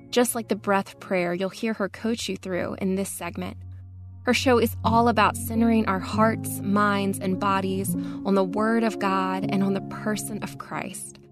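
A woman with a mid-range voice reads a scripted podcast announcement. She is friendly and polished as she addresses listeners. Music plays clearly behind her. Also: mid-range voice. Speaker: podcast producer introducing a bonus episode.

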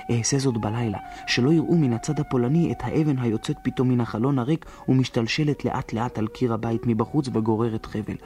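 A man's voice: mid-range voice, dark tone, natural voice. An actor narrating in the first person as a resourceful boy hiding alone in ruins, in a reflective radio drama monologue that plans step by step. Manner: reflective inner monologue, planning aloud.

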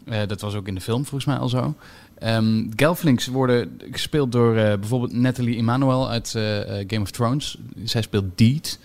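A man's voice: medium pitch, moderate pace, hardly any pauses, darkish tone. Enthusiastic male podcast co-host. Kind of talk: casual chat reviewing series.

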